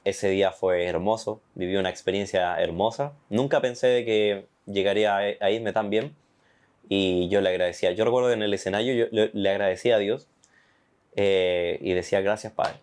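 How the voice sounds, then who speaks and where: A man's voice: fairly low pitch, fairly even intonation, moderate pace, darkish tone, clear, resonant tone. Earnest young Chilean man telling his story. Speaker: testimony guest. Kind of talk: personal faith testimony.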